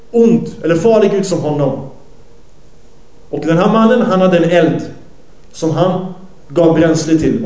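In poor audio with a roomy feel, a man with a high-pitched, dark voice preaches a sermon that recounts a hadith. He translates while he retells it and corrects himself along the way.

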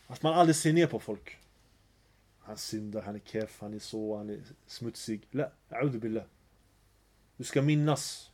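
A man's voice: fairly high pitch, a little mellow. A man giving an earnest religious lecture, telling stories and mixing in phrases. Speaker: preacher.

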